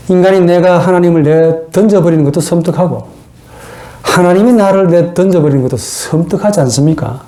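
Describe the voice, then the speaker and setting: A man's voice: on the high side, dark tone. A man giving a theology lecture in an earnest, preacherly way, often putting rhetorical questions to his listeners.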